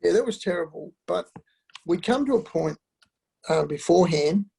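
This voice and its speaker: Gravelly bloke, halting and candid. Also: male voice, high-pitched, lively intonation, mellow, low-quality recording. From Australia. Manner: halting, with many fillers and restarts. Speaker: interview guest. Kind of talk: candid personal storytelling.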